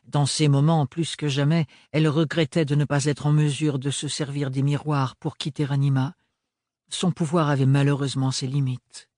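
A man's voice: a little high, level tone, normal speed, darkish tone, no echo. Man narrating a novel, dry close sound. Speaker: audiobook narrator. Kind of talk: scripted narration.

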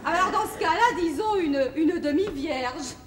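A woman playing an unruffled, sceptical publicist's assistant in a 1960s French comedy film, offhand and gently ironic. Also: extremely high pitch, animated, measured pace. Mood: teasing. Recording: echoey, noisy old film soundtrack.

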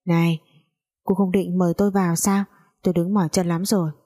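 A woman's voice: lowish voice, little pitch movement, fairly quick, warm tone, close to an everyday voice. A woman doing a cocky, teasing young man. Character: brash, teasing young man who meddles.

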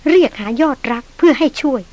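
A woman's voice: sits high, expressive, quick pace, a little mellow, highs cut off, voice pushed up. A woman reading the lines of an uneasy young noblewoman who exclaims anxiously. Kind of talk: audiobook character reading.

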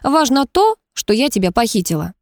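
A woman's voice: a little high, big pitch swings, moderate pace, a little mellow, no room sound, studio quality, voice pushed up. A woman voicing a blunt, defiant young woman who snaps short replies, in an audiobook reading. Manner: curt, snapping replies.

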